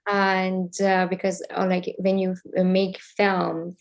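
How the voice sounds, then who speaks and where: Iranian-accented woman with gravelly tone. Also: on the low side, completely flat delivery. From Iran. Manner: thoughtful, halting, many fillers and restarts. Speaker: filmmaker guest. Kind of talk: casual interview.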